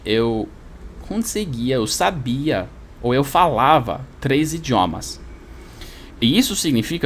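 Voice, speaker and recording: Lively man teaching a lesson. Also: mid-range voice, slight background noise. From United States. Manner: patient, repeats examples, explains step by step. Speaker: English teacher. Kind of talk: explanatory language lesson.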